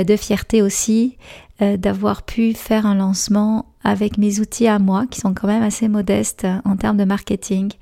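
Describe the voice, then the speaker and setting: A woman podcast host with a Quebec French accent talks in a hoarse, gravelly voice full of fry. Her tone is mellow and soft-edged, at a middling pitch. She speaks casually and reflectively, often pausing to find the right word. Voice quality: raspy, gravelly voice recovering from voice loss. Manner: hesitant, reflective, searching for words. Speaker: podcast host and meditation teacher.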